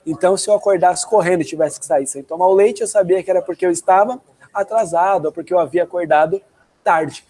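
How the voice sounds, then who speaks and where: High-voiced man in his forties, teaching English online, slows for the examples. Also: mellow. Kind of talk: online language lesson.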